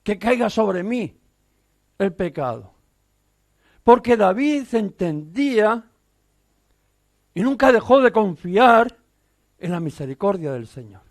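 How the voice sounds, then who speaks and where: A man's voice: sits high, big pitch swings, takes it slowly, long pauses, no room sound. A man from Spain, a pastor, preaching a sermon in an earnest, emphatic way, full of rhetorical questions. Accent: Peninsular Spanish.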